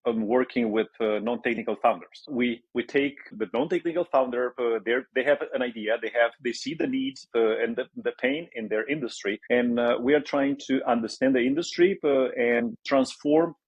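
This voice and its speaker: Speaking at a moderate pace with few pauses, a husky-voiced man in his forties from Romania appears as a guest entrepreneur. His Romanian-accented, mid-range voice hesitates through interview answers with plenty of fillers and restarts, captured with no room sound and lo-fi quality.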